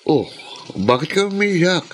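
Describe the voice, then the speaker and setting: An actor playing a kind, concerned middle-aged uncle who asks worried questions and gently scolds. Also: male voice, high voice, sing-song, takes it slowly, slight background noise, heavily acted. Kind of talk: dramatized story acting.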